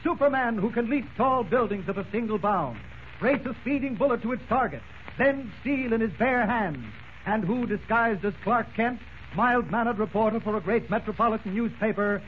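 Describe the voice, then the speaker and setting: A man announcing in a booming, declamatory manner, heard as an old radio show broadcast. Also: normal speed. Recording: dull lo-fi old radio recording with faint hiss.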